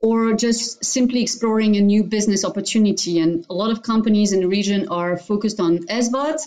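A woman's voice: medium pitch, fairly quick, a little mellow. A woman guest on a business podcast, describing her work confidently with filler words. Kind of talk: casual podcast chat.

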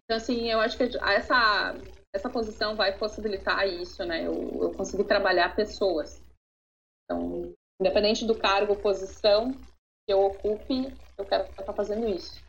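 A woman's voice: mid-range voice, fairly even intonation, moderate pace, gravelly. A Brazilian woman in her thirties, an interviewee telling personal stories in an earnest way and often tagging her sentences with a questioning word. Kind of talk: reflective personal storytelling. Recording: slightly dull audio with faint noise.

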